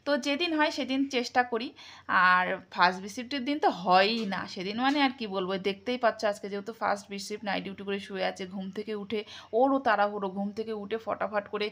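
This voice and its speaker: A woman's voice: medium pitch, quick pace. A woman in her thirties from India with a Bengali accent, chatting to her viewers as she narrates a home vlog from her kitchen. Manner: chatty, talks to viewers directly; sometimes speaks softly so a sleeper is not woken. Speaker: vlogger.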